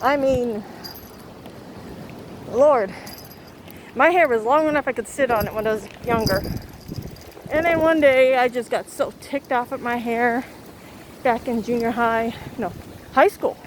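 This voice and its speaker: A woman chatting casually and haltingly to her vlog viewers, outdoors in strong wind. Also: fairly high pitch. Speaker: vlogger. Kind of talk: casual rambling vlog chat. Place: outdoors in windy weather. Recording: loud wind noise, outdoors.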